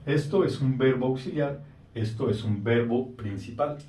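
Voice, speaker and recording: A man with a mellow, relaxed voice gives a patient grammar lesson and draws out key words slowly. He sounds a little distant from the mic, and the room around him is echoey. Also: mid-range voice. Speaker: English teacher.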